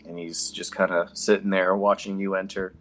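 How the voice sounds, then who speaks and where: Male game master, lowish voice, improvised conversational fantasy narration. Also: little pitch movement, normal speed, fairly bright tone, faint music behind. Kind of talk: narrating a tabletop role-playing game.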